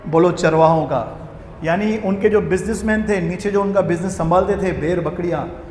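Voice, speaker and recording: A man preaching a sermon to a congregation, animated and calling for responses. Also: high voice, moderate pace, a little hiss or hum. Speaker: pastor. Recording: echoey hall with long reverb.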